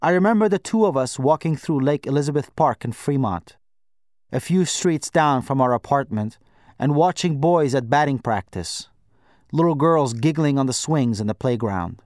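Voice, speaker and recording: A man narrating a first-person audiobook in a measured, wry storytelling manner. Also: medium pitch, darkish tone, no echo, clean studio sound.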